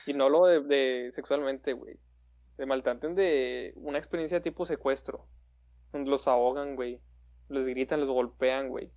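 A man's voice: mid-range voice, normal speed, a little mellow, lo-fi sound. A man hosting a livestream chat, heavy on slang and joking with his audience. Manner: slangy, says "güey" constantly, joking with viewers. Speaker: livestream host. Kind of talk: casual chat.

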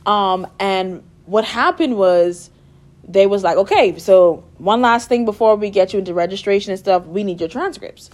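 In a casual interview, a young Bahamian guest who studies music therapy talks in a medium-pitched, darkish voice at a moderate pace. She's bubbly, breaking into laughs and fillers frequently.

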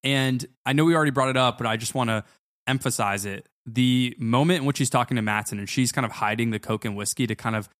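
A man's voice: mid-range voice, quick pace, a bit bright, no room sound, clean studio sound. A man co-hosting a podcast, analyzing a TV episode in a thoughtful, casual way with many hedges. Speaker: podcast co-host. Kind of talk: casual TV recap chat.

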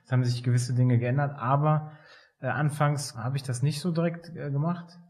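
A man in his thirties from Germany, a physiotherapist talking as a podcast guest in a relaxed way, with many fillers and hesitations. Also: mid-range voice, normal speed. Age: 30s. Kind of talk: casual interview talk.

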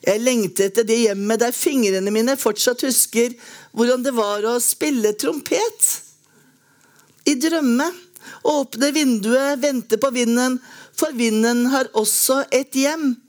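A woman reading a lyric poem aloud in a slow, measured, lyrical way with long pauses. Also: fairly high pitch, a little mellow. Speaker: poetry reader.

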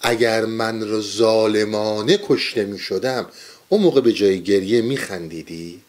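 A man voicing a calm, patient old male philosopher who reasons softly and asks gentle questions. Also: on the low side, lightly acted. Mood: calm reasoning.

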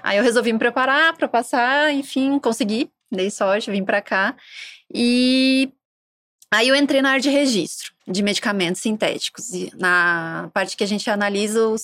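A woman with a softened accent from Rio Grande do Sul, guest on a podcast, telling her story in a relaxed way with frequent tag questions. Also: fairly high pitch, moderate pace, dry recording, studio quality. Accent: southern Brazilian (Rio Grande do Sul), softened. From interior of Rio Grande do Sul, Brazil. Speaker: guest, regulatory specialist. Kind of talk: casual podcast interview. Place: podcast table at an office.

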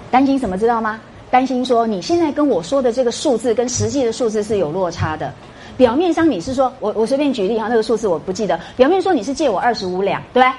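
A middle-aged woman, a university lecturer, gives a classroom lecture in a fairly high, animated, darkish voice at a fast pace. She quizzes her students with rhetorical questions and tag particles, and a little hiss or hum is audible.

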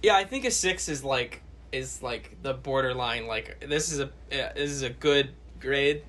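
A man's voice: medium pitch, normal speed, fairly bright tone. A man co-hosting a podcast, analyzing a movie in casual chat with lots of "like" fillers. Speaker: podcast co-host.

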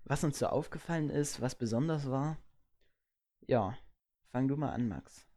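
A man's voice: mid-range voice, moderate pace, warm tone. A young man co-hosting a casual live stream chat, telling stories and laughing as he goes. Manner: storytelling, laughing through anecdotes. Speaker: stream co-host.

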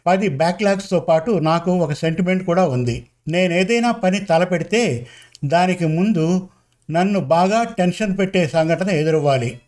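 A man narrating a first-person story in a measured, conversational storytelling manner. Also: sits high, darkish tone.

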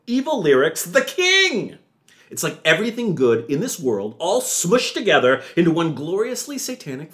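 Gushing, theatrical man with wild pitch swings. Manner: theatrical, gushing, swoops into high excited yelps. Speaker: podcast host. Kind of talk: enthusiastic music podcast chat.

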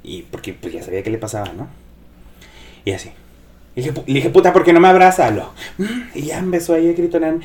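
A man's voice: mid-range voice, brisk, pauses often. A man telling gossip in a casual chat, acting out the quoted voices. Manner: animated storyteller, acts out quoted voices. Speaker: podcast co-host telling gossip.

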